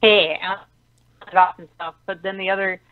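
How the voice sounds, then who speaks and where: A woman's voice: mid-range voice, steady tone, moderate pace, no echo. Eager, rambling woman caller from Tennessee, on a dry, tinny phone line. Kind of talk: call-in radio chat.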